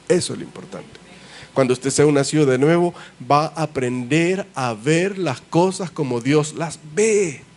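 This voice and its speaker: A man's voice: mid-range voice, a little mellow. A man, a pastor preaching a sermon in a church, speaking emphatically to his congregation and posing rhetorical questions. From El Salvador.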